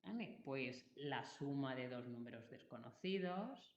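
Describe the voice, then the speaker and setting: Brief: slow-paced woman math teacher, patient, in a roomy classroom on a dull lo-fi recording. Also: extremely low pitch, animated. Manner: patient, explains step by step with frequent checks. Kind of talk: classroom lesson.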